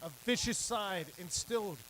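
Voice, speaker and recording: A man's voice: high-pitched, moderate pace, a bit bright, poor audio. A man giving live play-by-play commentary as a wrestling commentator.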